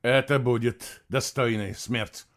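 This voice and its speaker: A man's voice: a little high, unhurried, voice pushed up. A man reading an audiobook, voicing a stern, proud warrior who talks with solemn command. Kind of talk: audiobook narration.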